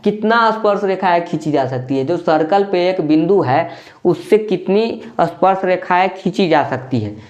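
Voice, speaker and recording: Maths teacher, mid-pitched, repetitive and patient, keeps asking the class questions; slightly muffled lo-fi sound. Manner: repeats key terms and asks rhetorical questions; checks in with tag questions. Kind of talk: classroom-style explanation.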